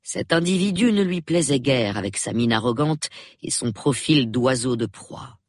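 A man reading a detective novel aloud with measured, expressive storytelling. His pitch moves in a lively way, the voice soft and breathy, recorded close and dry. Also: dry recording. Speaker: audiobook narrator. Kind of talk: scripted narration of a detective novel.

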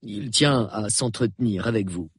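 A man's voice: fairly low pitch, normal speed, breathy edge, no room sound, clean studio sound. A man voicing a respectable, deferential valet in a storybook reading. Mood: polite. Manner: formal and deferential. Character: respectable, polite male valet.

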